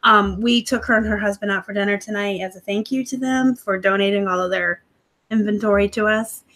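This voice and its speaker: Her medium-pitched voice is steady and fairly bright, moving a little fast, and the recording sounds rough. She's a livestream host and online reseller at home, casually reading comments, teasing viewers, and laughing frequently over a laptop stream.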